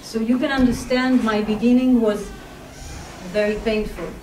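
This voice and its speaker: A woman with an Israeli accent talks reflectively to an audience, pausing often and searching for words. Her voice sits fairly high. She is picked up from a distance, with roomy echo around her. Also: fairly even intonation, mellow, slight background noise. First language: Hebrew. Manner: reflective, hesitant, many pauses and fillers. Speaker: sex and relationship therapist. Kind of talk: personal talk to an audience. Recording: distant mic in an echoey room.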